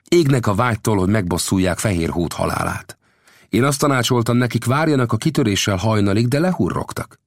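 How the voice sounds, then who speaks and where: A man putting on a loud, blunt old frontier scout. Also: fairly low pitch, breathy edge, no echo, pitched above the performer's own voice. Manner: commanding, raised voice.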